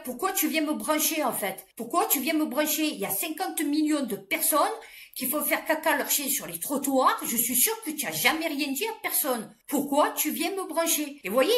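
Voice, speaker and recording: Fairly high-voiced woman ranting on her vlog, slangy and loud, lots of laughing. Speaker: vlogger. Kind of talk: casual ranting monologue. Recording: roomy echo.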